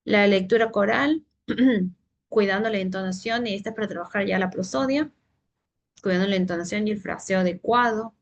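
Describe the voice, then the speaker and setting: A woman leads a teacher workshop at a middle pitch. She explains patiently, often pausing on "eh" and restarting her phrases. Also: vocal fry, dull audio, a little hiss or hum. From Santiago del Estero, Argentina. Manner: explanatory, frequent hesitations and restarts. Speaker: literacy trainer for teachers. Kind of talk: teacher training presentation.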